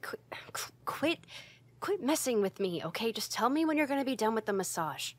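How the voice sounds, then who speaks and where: In this ASMR roleplay, a woman's slightly high voice is very animated and moves at a moderate pace. She plays a tsundere roommate who gets embarrassed easily, stammering and hesitating, huffing defensively while hiding her fondness.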